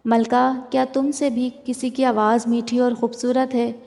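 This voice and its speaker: A woman voicing a tender, doting young man in love in a read-aloud romance novel, speaking softly and coaxingly. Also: a little high, flat delivery, creaky. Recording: long hall reverb.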